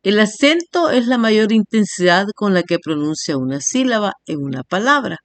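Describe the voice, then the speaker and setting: A woman teacher giving a recorded language lesson, reading definitions and slowly sounding out example words syllable by syllable. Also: medium pitch, lively intonation, dry recording. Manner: slow, spells words out syllable by syllable. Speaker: primary school teacher.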